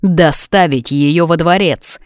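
A woman's voice: low voice, slow pace, dry recording, clean studio sound. A woman voicing an arrogant young king who gives clipped, domineering orders in an audiobook reading. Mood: angry.

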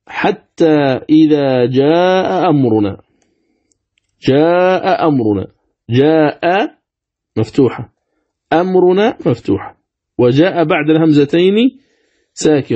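A man giving a Quran recitation lesson, explaining step by step and chanting examples with long, drawn-out vowels. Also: fairly high pitch, warm tone. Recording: dull lo-fi recording.

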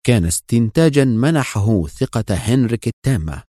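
A man narrating an adventure novel in a measured, storytelling manner. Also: medium pitch, sing-song, dark tone, no room sound, clean studio sound. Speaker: audiobook narrator.

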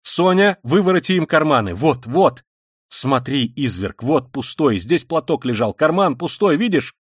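A man's voice: fairly high pitch, expressive, a little slow, breathy edge, no room sound, studio quality. Man voicing a shrieking, frantic widow. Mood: frantic rage. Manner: screaming, insulting, frantic. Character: hysterical impoverished widow, shrieking, furious.

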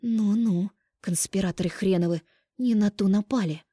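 A woman's voice: mid-range voice, moderate pace, dark tone, no room sound, clean studio sound, natural voice. A woman reading an audiobook voices a frightened young pregnant woman, whispering breathlessly and shakily.

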